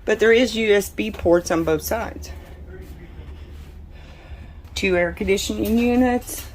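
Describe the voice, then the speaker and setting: Slow-paced woman touring inside a camper trailer. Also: medium pitch, darkish tone. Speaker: vlogger touring RVs. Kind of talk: casual walkthrough commentary. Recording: clear background noise, room ambience.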